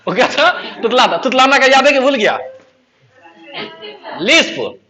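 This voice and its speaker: A man teaches a basic English class in a very high, bright, ringing voice. He jokes and laughs often, firing repeated questions at his students to keep them answering. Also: big pitch swings, unhurried. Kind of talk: joking classroom lesson.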